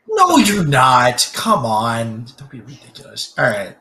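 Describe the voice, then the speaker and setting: Lively man in an echoey room. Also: medium pitch, unhurried. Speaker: podcast host. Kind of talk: casual podcast chat, show sign-off.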